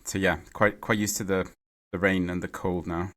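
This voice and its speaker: A man from Mexico, a guest in a podcast interview, talking in a halting way and repeating words as he thinks. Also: low voice, flat delivery, fairly bright tone. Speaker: podcast guest, renewable energy CEO. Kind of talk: casual interview conversation. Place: home or office in London.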